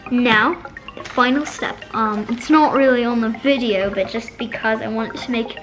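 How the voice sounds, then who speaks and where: A woman's voice: on the high side, steady tone, a little slow, fairly bright tone. A woman casually talking through a makeup tutorial, chatty, with lots of fillers and self-corrections. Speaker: makeup vlogger. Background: background music.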